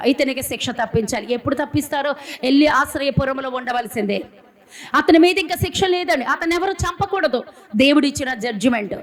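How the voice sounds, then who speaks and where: Woman preaching in a church, high voice, keeps repeating lines and firing questions at the room. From India. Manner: repetitive, rhetorical questions, emphatic. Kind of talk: sermon.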